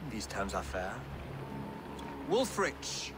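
A haughty, pious medieval Saxon king in a game. He speaks slowly and dryly with regal control, over clear ambient noise. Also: lowish voice, big pitch swings. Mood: measured, grave. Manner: regal, measured, dry. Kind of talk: cinematic video game acting.

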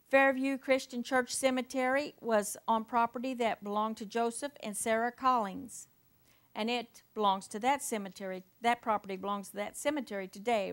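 A woman's voice: a little high, clean tone. An older woman from Indiana giving an informal local history talk to an audience, reading from notes with folksy asides and fillers.

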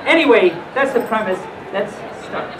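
Picked up by a far-off camera microphone, this animated mid-range voice belongs to a storytime host wearing a full mascot costume at a convention's hotel function room. Reading aloud at normal speed to a live audience, the host stays playful and drops casual asides. The recording is roomy, distant and noisy.

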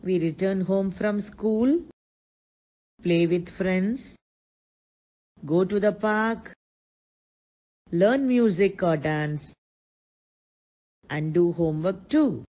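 A woman narrating a scripted lesson for young children, explaining slowly and simply and asking them questions. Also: mid-range voice, warm tone, muffled recording. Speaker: kindergarten teacher.

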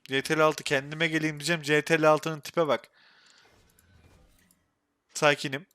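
Excitable young Turkish streamer, higher-pitched. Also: male voice, normal speed, clear, resonant tone, no echo, soft background music. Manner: excitable, swings between frustrated outbursts and muttering. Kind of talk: live gameplay commentary.

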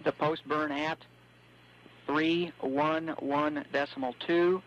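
Male ground communicator over radio; slow, methodical number reading, faint hum behind. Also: on the high side, fairly even intonation, lo-fi sound. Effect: radio transmission sound. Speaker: ground communicator to a spacecraft crew.

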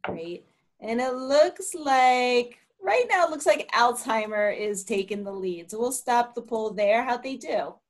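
A woman's voice: a little high, expressive, unhurried. Encouraging woman hosting an online poll. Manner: friendly, encouraging, reads poll options aloud. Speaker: webinar host. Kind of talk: hosting an online talk, running polls.

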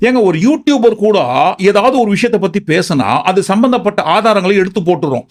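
Man, political commentator, sarcastic, rhetorical questions, higher-pitched voice. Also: lively intonation, brisk.

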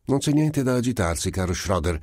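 A man reading the part of a cautious doctor who tries to calm others with careful words. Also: mid-range voice, brisk, no room sound, studio quality, voice pushed up, close to an everyday voice. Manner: soothing, careful. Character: cautious, placating male doctor.

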